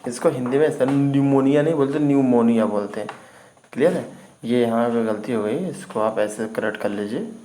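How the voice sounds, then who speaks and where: A man's voice: mid-range voice, brisk, mellow, poor audio. A man teaching English vocabulary in an informal video lesson. He spells words out letter by letter and keeps checking in with his students.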